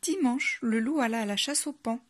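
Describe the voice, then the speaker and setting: Casting: a woman storyteller, hushed bedtime reading, husky and a touch high. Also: animated. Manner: soft, hushed, unhurried.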